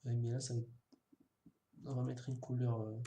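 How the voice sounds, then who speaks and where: A man walks viewers through code in a screen-recorded tutorial, speaking at a moderate pace in a medium-pitched, warm but completely flat voice. There's slight hiss or hum, plus keyboard typing and mouse clicks behind him. Hesitant and casual, he fills his speech with fillers and restarts and cracks the occasional self-mocking joke.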